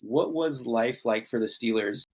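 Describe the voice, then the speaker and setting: A man's voice: mid-range voice, a little slow, slightly rough. A man from the Bay Area hosting a podcast, asking questions and chatting in an easygoing, conversational way. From San Francisco Bay Area. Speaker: podcast host. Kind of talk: casual podcast interview.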